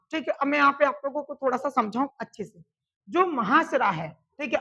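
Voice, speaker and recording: A woman teaching a classroom science lesson. She drills the students with call-and-response questions and repeats the answers slowly and loudly for emphasis. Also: high-pitched.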